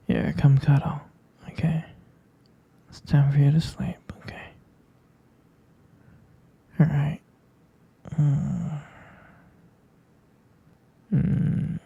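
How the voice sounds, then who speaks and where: In an intimate ASMR bedtime roleplay, a man plays a gentle, sleepy vampire boyfriend, murmuring tenderly and hesitantly in a breathy, gravelly half-whisper. His voice runs on the high side and is heavily acted.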